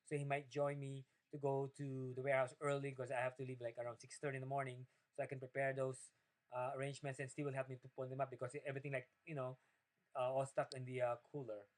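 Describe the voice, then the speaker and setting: A man's voice: little pitch movement, fast talker, rough recording. A man from the Philippines, speaking English as a second language, recounting his day in a rambling video diary with many fillers and restarts. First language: Tagalog. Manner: rambling, many fillers and restarts, rises in pitch when opinionated. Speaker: video diarist. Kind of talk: casual personal video diary.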